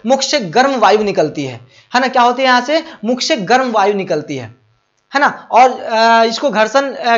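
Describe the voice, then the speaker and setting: A man's voice: very high-pitched, fairly bright tone. A male teacher explaining grammar for a board exam. He keeps asking questions and answering them himself, and checks often that the students follow. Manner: affectionate address to students. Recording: muffled lo-fi audio.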